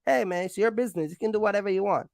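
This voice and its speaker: A trucking channel host races through her advice in an informal explainer, speaking bluntly and emphatically with slangy language and repeated phrases for stress. Her medium-pitched voice is gravelly and a little mellow, in a dry, studio-quality recording.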